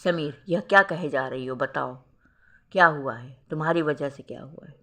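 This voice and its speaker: A storyteller voicing a worried young husband who keeps pressing his wife for answers, in a bright voice. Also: medium pitch, moderate pace. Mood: insistent. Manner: insistent, pressing questions.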